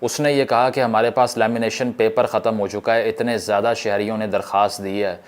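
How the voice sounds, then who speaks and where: A man from Pakistan giving formal political commentary, measured, with English phrases woven in. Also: on the low side, little pitch movement.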